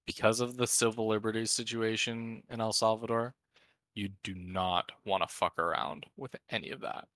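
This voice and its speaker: A man who is high, hosting a casual, unscripted podcast chat in a laid-back stoner manner. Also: fairly even intonation, normal speed, fairly bright tone, no echo. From Canada. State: high on cannabis. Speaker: podcast host.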